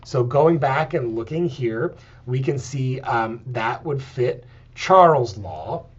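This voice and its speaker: A man's voice: medium pitch, animated, slow pace, breathy edge. A man lecturing on chemistry and working through slides, explaining step by step with frequent "okay" and "um" check-ins. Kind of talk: recorded lecture, writing on slides. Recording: dull lo-fi lecture recording.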